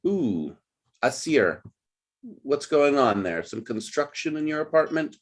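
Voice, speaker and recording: An English teacher runs an online group lesson over video call, speaking at medium pitch with big swings in intonation and an unhurried pace. He's patient and coaching, repeating phrases for his learners.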